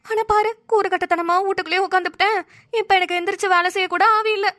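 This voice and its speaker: A woman voicing a loud, dramatic village grandmother in a cartoon who scolds and wails. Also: very high voice, steady tone, quick pace. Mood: lamenting.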